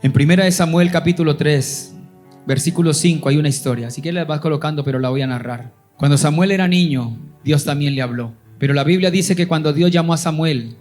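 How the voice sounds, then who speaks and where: A man, a pastor preaching a sermon with emphatic rises and stretched phrases, settling into a softer storytelling voice. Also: a little high.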